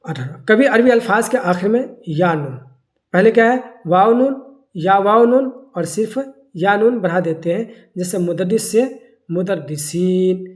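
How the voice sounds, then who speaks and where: A teacher giving a grammar lesson, asking questions aloud and answering them, and repeating key words slowly. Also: medium pitch, animated. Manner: asks the class questions and answers them himself.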